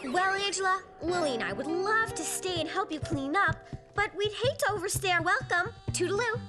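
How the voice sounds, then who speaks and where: Plucky young girl, extremely high voice, bossy and earnest, cartoon superhero play, loud music bed. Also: lively intonation, moderate pace. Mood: breezy. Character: bold, imaginative little girl playing vampire superhero. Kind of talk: cartoon voice acting.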